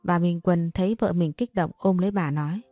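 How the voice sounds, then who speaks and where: Mellow-voiced woman narrating an audio story. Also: lowish voice, a little fast, no echo, soft background music. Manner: reads every character's lines in her own voice.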